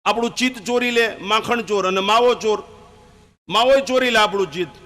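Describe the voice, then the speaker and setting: An older man preaching a fiery sermon, emphatic and at times shouting. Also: sits high, normal speed.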